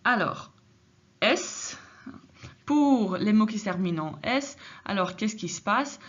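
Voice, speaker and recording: A woman's voice: medium pitch, expressive, slow. A woman teaching a grammar lesson, patient and explanatory, often adding a tag "hein". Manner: patient, many filler "hein"s, switches into Dutch for translations. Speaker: French teacher. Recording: slightly dull lo-fi recording.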